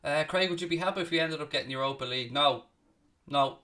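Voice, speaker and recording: Hosting a live football watchalong, this young Irishman from Dublin speaks fast in a bright, forward voice that sits a little high. His chat with viewers is casual and blunt, with the odd curse, as he answers their questions between play-by-play calls.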